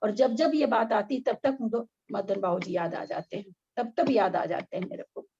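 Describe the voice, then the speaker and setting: A woman's voice: fairly high pitch, expressive, normal speed, dark tone, husky, muffled recording. Woman teacher with a strained voice. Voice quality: strained, weakened voice. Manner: scolding, talks with effort. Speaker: religious study group teacher. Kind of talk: online scripture study class. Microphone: video call.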